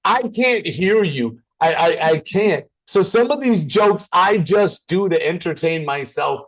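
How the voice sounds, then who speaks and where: A Canadian man, probably in his thirties, gives a chatty, joking business presentation over a video call, often wandering off on tangents. His voice sits high and sounds animated, a little slow, on a rough recording.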